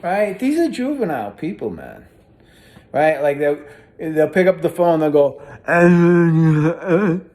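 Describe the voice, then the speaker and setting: A man's voice: fairly high pitch, very animated, normal speed, dark tone. A man ranting in a profane, combative monologue, rambling and often asking "right?" as a vlogger.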